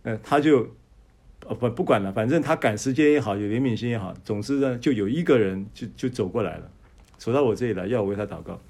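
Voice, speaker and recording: A man's voice: lowish voice, fast talker, vocal fry. A man preaching as a pastor. He shares a personal testimony, addresses the listeners directly, and often stumbles and restarts his words. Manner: animated storytelling, frequent stammered restarts.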